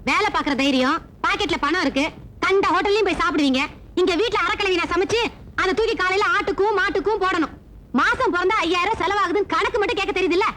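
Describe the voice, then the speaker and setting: An actress playing a sharp-tongued, middle-aged stepmother who scolds and complains in rapid bursts in a 1990s film. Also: extremely high pitch, a little hiss or hum. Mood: bitter.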